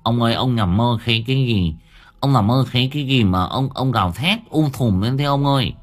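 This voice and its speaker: A man voicing an anxious middle-aged wife in a high, pleading voice. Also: fairly quick, lightly acted. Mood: worried. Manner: pleading, worried, raised pitch.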